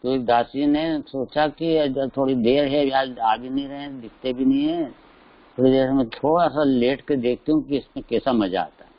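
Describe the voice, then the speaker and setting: A man's voice: mid-range voice, normal speed, no room sound. A middle-aged man giving a religious discourse, telling a story and acting out voices in the quotes. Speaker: Jain scripture teacher. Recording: dull lo-fi dry recording.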